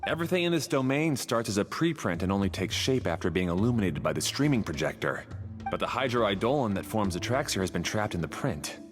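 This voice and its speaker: Man playing an animated, easygoing young technical guide. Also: fairly low pitch, quick pace, close to an everyday voice. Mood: explaining, concerned. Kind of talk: video game voice acting. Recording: music behind the voice.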